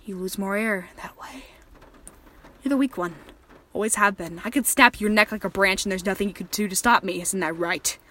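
A woman's voice: mid-range voice, fairly quick. A woman voicing a volatile, possessive male killer in an audio drama, speaking in a controlling, threatening manner. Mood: softly menacing. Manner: menacing and controlling, soft-spoken then raging. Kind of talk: erotic horror audio drama.

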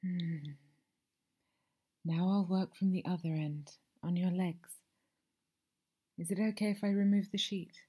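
In this soothing ASMR roleplay, a woman takes on the part of a masseuse, her soft speech drifting into whispers. She sounds breathy, mellow and a touch low, with fairly even intonation, an unhurried pace and frequent pauses as she dwells on every phrase.

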